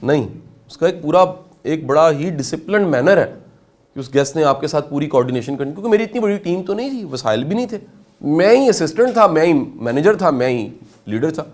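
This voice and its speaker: A middle-aged man from Pakistan, giving an animated motivational lecture and asking his audience questions. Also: fairly high pitch.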